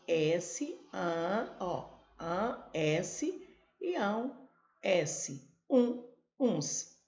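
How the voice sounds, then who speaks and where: A woman's voice: medium pitch, creaky, echoey room, muffled recording. A Brazilian woman teaching a Portuguese grammar lesson for exam prep, explaining step by step and talking straight to her viewers. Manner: slow, explanatory, addresses viewers directly.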